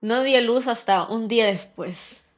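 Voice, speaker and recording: A young woman, a podcast guest and first-time mother, telling a story in a casual, lively way and acting out what other people said. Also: fairly high pitch, a little slow. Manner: lively, acts out the dialogue of others.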